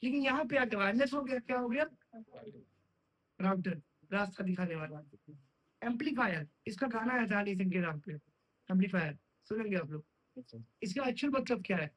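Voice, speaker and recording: A man's voice: high voice, animated, a little fast, a bit bright, poor audio. A man teaching computer science in a classroom, often stopping to put check questions to his students. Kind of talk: classroom lecture.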